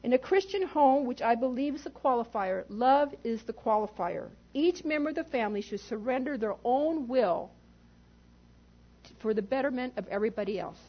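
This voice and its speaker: A woman's voice: fairly high pitch, lively intonation, normal speed, dull audio. A woman pastor preaching a sermon in an emphatic way, putting rhetorical questions to the congregation.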